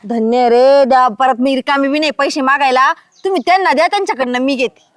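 Woman playing a sharp-tongued village woman. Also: natural voice. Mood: retorting. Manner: shrill, quick, retorting.

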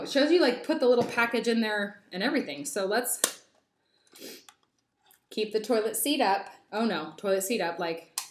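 A woman's voice: medium pitch, a little hiss or hum. A young woman chatting through a toy unboxing, giddy and rambling with lots of little asides. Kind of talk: casual unboxing chat. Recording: echoey room.

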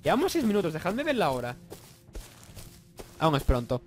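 A man's voice: fairly high pitch, moderate pace, soft background music. A young man from Spain with a Spanish accent, giving casual let's-play commentary, joking and swearing, a little congested with a sore throat. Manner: excitable, swearing, joking, bursts into yells. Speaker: gaming YouTuber.

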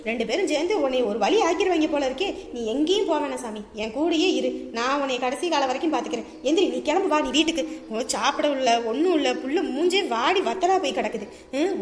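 A woman's voice: high-pitched, echoey room, in a large hall, slight background noise. A woman playing a bossy old village granny. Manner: scolding, rapid, emphatic calls. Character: outspoken elderly village grandmother, fiercely protective. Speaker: grandmother in a comedy skit. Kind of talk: village comedy skit acting.

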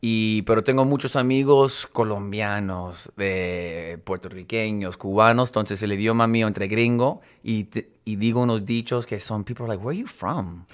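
A man's voice: on the low side, normal speed, hardly any pauses, smooth. A man raised in California and Miami, a real estate mentor who talks casually as a radio guest and mixes English and Spanish. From United States, raised in Miami. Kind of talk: bilingual casual interview.

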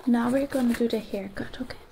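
Here a young woman plays a brisk, comforting medic in an ASMR scene, working on a patient in a small indoor room while murmuring repetitive, breathy, soft-spoken patter. Her voice is a little high, and the mood is calm but businesslike. The recording is close and noisy, with audible clicking.

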